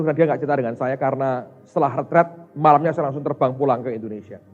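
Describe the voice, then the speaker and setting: A man, a pastor preaching a sermon, speaking directly to his congregation in an animated way. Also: mid-range voice. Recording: muffled recording with faint music.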